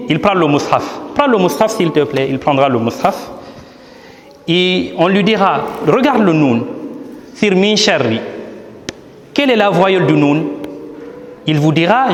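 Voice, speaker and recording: A man's voice: a little high, slight background noise. A man, an imam, presenting his book as a teaching talk, explaining step by step and asking and answering his own questions. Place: large hall at a ceremony. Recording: echoey hall with long reverb.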